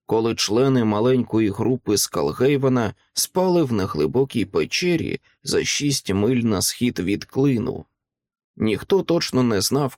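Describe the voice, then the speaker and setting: Male audiobook reader, mid-pitched voice, measured storytelling, dry close recording. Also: a little mellow, no echo. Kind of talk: reading a fantasy novel aloud.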